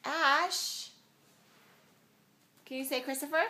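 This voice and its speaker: A woman films a home video and keeps coaxing a small child to repeat words. Her voice is bright and clear, and she speaks slowly, breaking into easy laughter between prompts. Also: sits high. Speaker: parent coaching a toddler.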